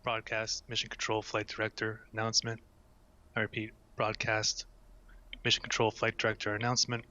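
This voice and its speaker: A man's voice: fairly low pitch, completely flat delivery, fairly quick, bright, forceful tone. A man serving as flight director, giving clipped procedural announcements from mission control and repeating each callout.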